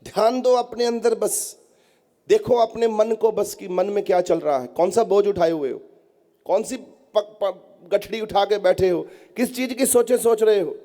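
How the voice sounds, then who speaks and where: A man with a high voice gives a devotional sermon to a seated congregation. His tone is mellow and soft-edged. He talks straight to his listeners in an earnest, coaxing way. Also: moderate pace. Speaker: spiritual teacher. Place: prayer hall at a gathering.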